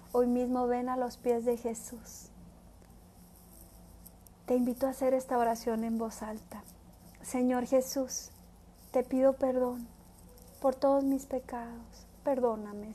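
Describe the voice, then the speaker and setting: A woman with a fairly high but mellow voice reads scripture aloud and leads a prayer. She speaks in an earnest, gentle way and keeps her pitch flat and even. She slows down to repeat key phrases for emphasis. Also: slight background noise. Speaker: Bible study host. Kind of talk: devotional Bible reading and prayer.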